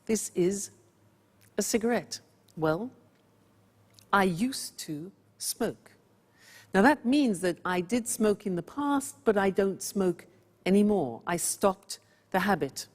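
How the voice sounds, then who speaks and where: A woman teacher from England speaks slowly and carefully, laying out a grammar point step by step. Her voice has a husky edge, and a long hall reverb trails behind her words. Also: medium pitch, animated. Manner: slow, clear, showing props. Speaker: English teacher. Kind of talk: scripted grammar lesson.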